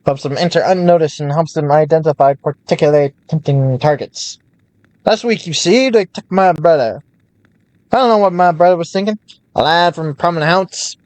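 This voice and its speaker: A man's voice: on the high side, moderate pace, a little mellow, no echo, close to an everyday voice. A man doing a 1930s newsreel-style merchant. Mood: confiding. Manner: old-fashioned 1930s newscaster delivery. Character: secretive middle-aged male town merchant.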